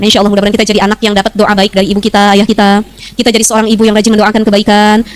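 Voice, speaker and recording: A middle-aged woman preacher gives a lively religious talk to a women's group, acting out quoted voices in a chatty, animated way. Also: mid-range voice. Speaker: female Islamic preacher.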